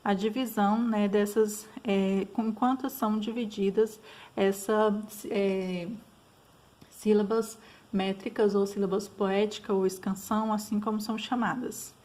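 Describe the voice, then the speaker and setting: A woman's voice: medium pitch, fairly even intonation, a little slow, warm tone. A woman teacher with a Brazilian Portuguese accent, patiently explaining school exercises, often checking in with her students. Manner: patient, frequent fillers and checks like "tá bom?".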